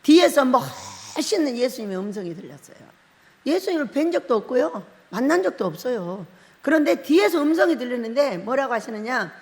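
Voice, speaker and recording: A middle-aged woman pastor preaching a sermon, telling a personal story with lively acted-out shouts and frequent laughter. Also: high voice, a little fast. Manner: animated storytelling, acts out her own shouting and crying, laughs often. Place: church hall. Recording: long hall reverb.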